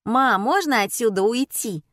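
Woman playing a bratty teen girl, whiny, defiant, higher voice, dry audiobook read. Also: animated, a little slow, dry recording. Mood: whining. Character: sulky rude teenage girl, bored and whiny.

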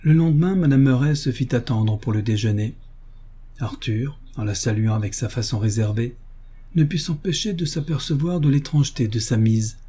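A man reading a story aloud in a measured, even narration. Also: mid-range voice, slightly rough. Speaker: audiobook reader. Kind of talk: scripted narration.

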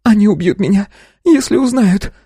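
A man's voice: extremely high pitch, lively intonation, normal speed, mellow, husky, no room sound, studio quality, voice pushed up, heavily acted. A man voicing a frightened young woman witness in an audiobook, speaking in panicky, pleading chatter. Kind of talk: audiobook character voice.

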